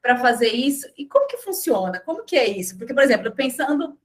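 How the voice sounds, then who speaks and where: A woman's voice: sits high, very animated, quick pace. A Brazilian woman hosting a radio interview, chatty and questioning, with fillers and tag questions. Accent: Brazilian Portuguese. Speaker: radio host. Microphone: studio radio microphone.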